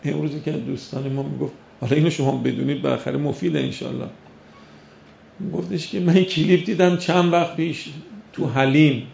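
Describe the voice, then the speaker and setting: Gravelly preacher man, lo-fi recording. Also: on the high side, fairly even intonation, a little mellow. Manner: rhetorical questions to the audience, acts out imagined objectors. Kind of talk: religious sermon. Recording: dull lo-fi recording.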